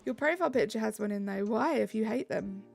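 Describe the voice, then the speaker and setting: Over light music, a woman from Britain streams a game, chatting casually and reading her chat aloud in a bubbly style. Her voice is slightly high, creaky and a little mellow, expressive and at a normal speed.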